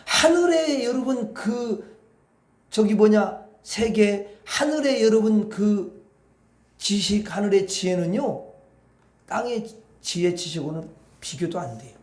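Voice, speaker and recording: Male pastor, very high voice, folksy rambling sermon, echoey hall. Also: slow pace. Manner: animated, folksy, rambling, addresses congregation.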